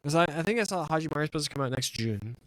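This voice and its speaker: A man streaming a game, chatting excitably and answering his chat with casual fillers. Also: a little high, rapid-fire, no room sound, poor audio. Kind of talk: casual let's-play commentary.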